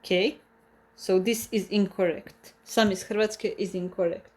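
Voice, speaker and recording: Teaching a language lesson live online, this native Croatian speaker talks with a Croatian accent, taking things slowly and carefully with many restarts and repeated examples. She has a mid-range, steady voice with a darkish tone.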